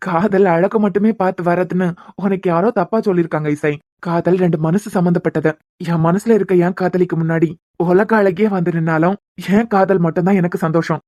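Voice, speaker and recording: A woman's voice: fairly low pitch, steady tone, fairly quick, a little mellow, no room sound, studio quality, close to an everyday voice. A woman with a Kanyakumari Tamil accent voicing an earnest, apologetic young man in a cartoon serial. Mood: heartfelt. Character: earnest young man pleading with his love.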